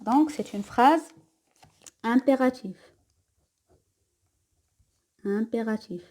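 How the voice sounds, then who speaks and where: A woman from Morocco with a Moroccan accent, teaching a grammar lesson. She reads each example slowly and twice, then explains it quickly. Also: fairly high pitch, warm tone. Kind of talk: grammar lesson mixing Moroccan Arabic and French.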